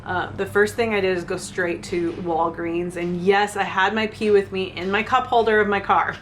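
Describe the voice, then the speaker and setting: A woman's voice: medium pitch, a bit bright, a little hiss or hum. A woman, candidly telling a personal story in a chatty vlog, laughing now and then. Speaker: fitness vlogger.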